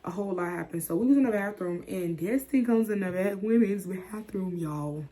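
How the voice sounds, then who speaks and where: A young woman from the chatting casually through a storytime vlog, dropping into whispers and jumping high when she acts out what people said. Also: moderate pace. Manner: animated, acts out quotes with sudden whispers and high squeals. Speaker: vlogger.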